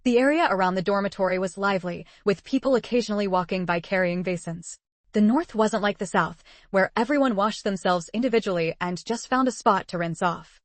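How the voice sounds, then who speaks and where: A woman narrating a serialized web novel audiobook in an even, steady reading manner. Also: mid-range voice, fairly quick, no room sound.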